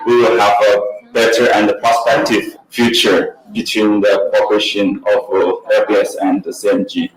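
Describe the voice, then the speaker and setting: A man's voice: lowish voice, level tone, moderate pace, few pauses. Distant echoing man interpreting a speech. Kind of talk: interpreting a speech in the first person. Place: signing ceremony at a media compound. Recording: roomy echo from a distant mic.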